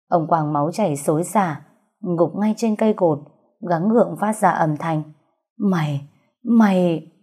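A woman narrating a story in a steady, even reading voice. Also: sits low, breathy edge. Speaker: audiobook narrator.

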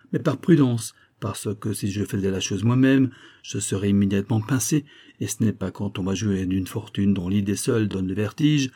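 A man's voice: fairly low pitch, dark tone, slightly rough. A man voicing a cynical male criminal who coolly reasons his way toward a murder for an inheritance, in an audiobook. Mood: calculating. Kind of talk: audiobook character voice.

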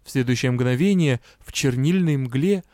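A man's voice: mid-range voice, moderate pace, mellow, no room sound, studio quality. A man reading a first-person fantasy audiobook as a scripted narration. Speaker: audiobook reader.

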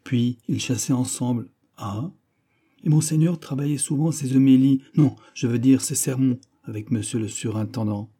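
A man's voice: mid-range voice, normal speed, dark tone, close to an everyday voice. A man voicing a pious, fussy old sacristan turned schoolmaster, with a fat, fluty voice and a prim, scolding manner.

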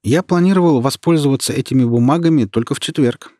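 A man's voice: mid-range voice, fast, darkish tone, no echo, clean studio sound, voice pushed up, natural voice. A man voicing an easygoing young man who speaks lightly and jokes, in an audiobook. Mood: reassuring. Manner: light, joking. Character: young man, easygoing, joking office worker. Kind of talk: audiobook character reading.

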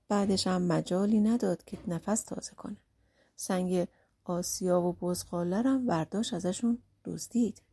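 Narrating a folk tale for an audiobook, a woman uses a mid-range voice that is warm and mellow with a husky, faintly breathy quality. Her delivery is lively and dramatically emphatic.

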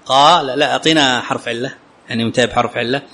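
A man teaching an Arabic grammar lesson, often asking his students whether it is clear and reciting quotations slowly. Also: medium pitch, sharp tone. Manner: questions students often, checks understanding; clears his throat now and then.

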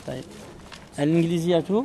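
A man teaching a classroom Arabic lesson in French, patiently quizzing students with quick questions. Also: fairly high pitch, steady tone, vocal fry, noisy background.

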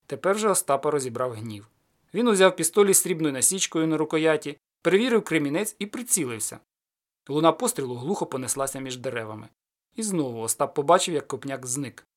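A man reading an adventure tale aloud in steady storytelling narration. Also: brisk. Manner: steady storytelling, lowers voice after quotes. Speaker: audiobook narrator. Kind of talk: scripted narration of a folk adventure.

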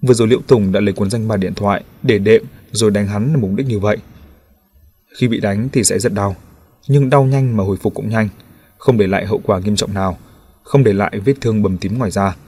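Male audiobook narrator, low, husky tone, steady delivery. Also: a little fast. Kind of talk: scripted novel narration.

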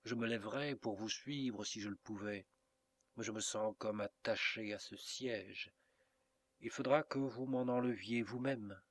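A low, somber voice of a despairing, guilt-ridden old father, as a man reads him in an audiobook. The tone is dark and heavy, with a dry, close sound. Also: measured pace, no echo.

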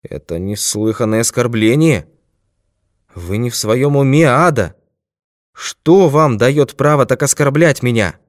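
A man reading an audiobook, voicing a hoarse, blustering male villain who raises his voice in indignation. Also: lowish voice, measured pace, no echo, studio quality, voice pushed up, lightly acted.

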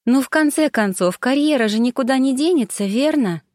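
A woman's voice: high voice, lively intonation, brisk, a little mellow, no room sound, pitched above the performer's own voice. Young emotional woman, anxious but resolute, voiced by a woman narrator; dry, close read. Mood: resolving. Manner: emotional, tearful, then resolute. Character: young anxious pregnant woman, later a doting mother. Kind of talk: audiobook character voice.

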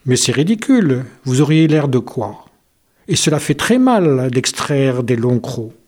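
A man's voice: mid-range voice, sing-song, a little slow, darkish tone. A man doing a teasing storybook dentist. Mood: reasoning. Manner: teasing, mock-solemn. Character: male village dentist, wry and teasing.

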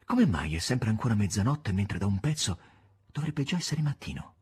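A man's voice: fairly low pitch, big pitch swings, normal speed, a little mellow, breathy edge, heavily acted. A man reading an audiobook, voicing an impassioned young woman in a raised, emotional voice. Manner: impetuous, emotional.

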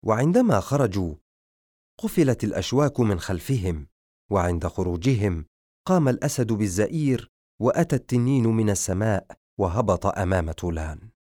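Brief: male audiobook narrator, lowish voice, lively rise and fall, dry close mic. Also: fairly quick, no echo. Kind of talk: scripted narration of a novel.

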